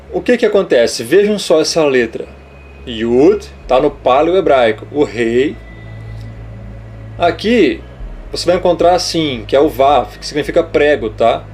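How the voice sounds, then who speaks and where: A man's voice: on the high side, darkish tone, a little hiss or hum. A man explaining letters on a board as a religious teacher, emphatic and scolding, checking in often with short questions. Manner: emphatic, scolding, repeats points with "tá?" and "ok?". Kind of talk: didactic explanation over a board.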